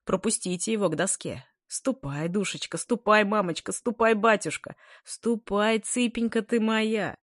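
A woman reading a story, voicing a sullen, boisterous teenage schoolboy who teases in a booming way. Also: moderate pace, hardly any pauses, no echo, clean studio sound, close to an everyday voice. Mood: mocking. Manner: booming, mocking.

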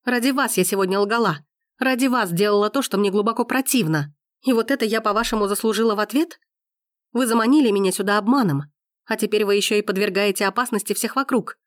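A woman's voice: mid-range voice, quick pace, no room sound, studio quality, voice pushed up, lightly acted. Woman voicing a fiery indignant young heroine. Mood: furious. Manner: heated, accusing, exclaiming.

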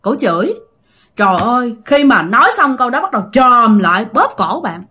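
Animated Southern Vietnamese woman storyteller. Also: a little high, normal speed, slightly rough. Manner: chatty, dramatic, addresses listeners directly. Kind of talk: casual ghost story telling.

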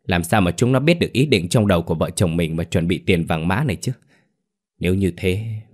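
A sharp-tongued, greedy wife snaps and scolds in a raised, shrill voice, as a low-voiced man puts her on. She speaks in a storybook ghost tale. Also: brisk. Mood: panicked.

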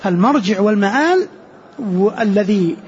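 A man teaching Quran commentary in a lesson, explaining slowly, repeating key phrases and asking rhetorical questions. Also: high-pitched, animated, slight background noise. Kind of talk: classroom commentary on scripture. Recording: dull lo-fi lecture recording.

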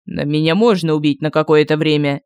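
Koshchei, a woman doing a low barking sorcerer. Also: fairly even intonation, brisk, darkish tone, smooth, dry recording. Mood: commanding. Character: immortal sorcerer Koshchei, man, commanding and sly.

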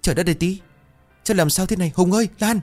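A man's voice: fairly low pitch, animated, a little fast, a little mellow, faint music behind. A man voicing a frightened old village grandmother who pleads in panic. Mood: panicked.

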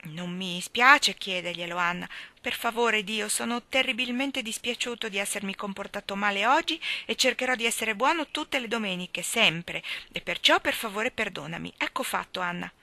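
A woman's voice: medium pitch, normal speed, creaky, few pauses, sharp tone, no room sound. A woman reading an audiobook, voicing a mischievous, contrite small boy in an emphatic, pleading way. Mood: relieved. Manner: pleading, emphatic childlike delivery.

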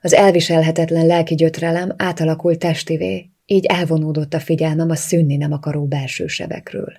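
A reader narrating a first-person novel in a quiet, subdued way. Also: medium pitch, little pitch movement.

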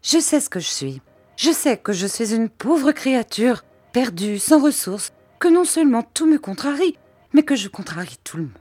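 Whiny old widow, high and plaintive, as a woman reader puts her on, storybook reading. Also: sing-song, normal speed, darkish tone, breathy edge, dry recording, soft background music. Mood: self-pitying. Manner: plaintive, whining. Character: self-pitying gloomy old widow, tearful and whining.

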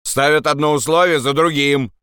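Man doing gruff guards, suspicious, barking orders and mocking, bright dry sound. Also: on the high side, fairly even intonation, normal speed, dry recording, pitched above the performer's own voice. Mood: suspicious commanding.

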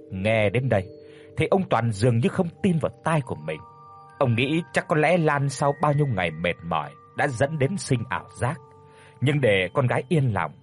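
A man narrating a ghost story in an expressive, dramatic way. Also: mid-range voice.

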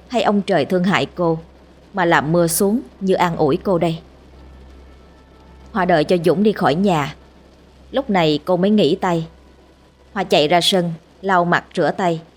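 A woman narrating a ghost story in a steady, dramatic reading. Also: lowish voice.

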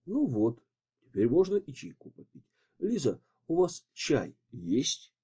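A man voicing a calm, confident detective who speaks with dry irony. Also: a little high, takes it slowly, breathy edge, full character voice. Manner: calm, dryly ironic.

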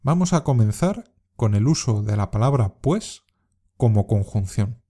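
A man teaches a scripted language lesson, talking slowly and carefully. His voice is mellow and relaxed. He sets out each example so that learners can copy his intonation. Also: on the low side. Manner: slow, careful, modelling intonation for repetition. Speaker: Spanish teacher.

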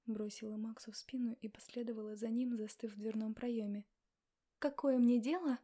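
A young adult woman narrating a novel in the first person, in an intimate, often hushed voice. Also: fairly high pitch, flat delivery, a little fast. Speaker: audiobook narrator.

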